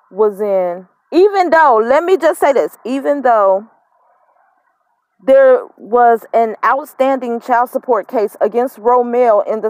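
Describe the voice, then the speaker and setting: A woman in her thirties speaks to her viewers at a slow, deliberate pace, her voice sitting a little high. She sounds frustrated and close to tears, and she keeps repeating her points for emphasis. The recording is dry, with no room echo. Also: darkish tone. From not from Mississippi, lived up north. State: emotional, holding back tears, smoking. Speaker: mother telling her custody story. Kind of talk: casual direct-to-camera vlog.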